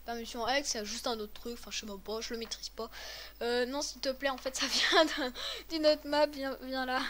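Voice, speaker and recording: A woman's voice: sits high, level tone, moderate pace, fairly bright tone, slight background noise. A woman hosting a casual game tutorial with a friend, talking in a chatty, hesitant way with many fillers and restarts. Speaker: host of a game tutorial video.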